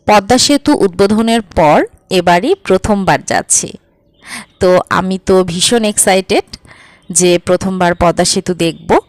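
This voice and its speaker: A woman's voice: fairly low pitch, dry recording. A young woman from Bangladesh chatting as a travel vlogger, full of fillers and coaxing her viewers. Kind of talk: casual travel vlog narration.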